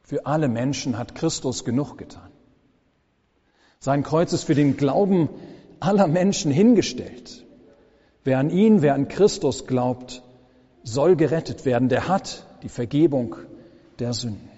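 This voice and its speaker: A man preaching a sermon as pastor, slow and solemn with dramatic pauses, in a church. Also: fairly high pitch, mellow, breathy edge. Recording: long church reverb, dull lo-fi sound.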